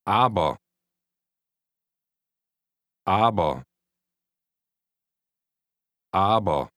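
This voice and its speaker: A man modeling phrases for a language course with slow, careful enunciation. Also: low voice, lively intonation, fairly bright tone, dry recording, clean studio sound. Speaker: native-speaker model voice. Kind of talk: slow demonstration speech.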